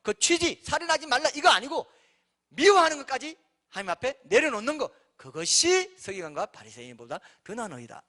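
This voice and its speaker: A man's voice: sits high, fairly bright tone. A male pastor preaching a sermon in a church, emphatic and full of rhetorical questions to the congregation.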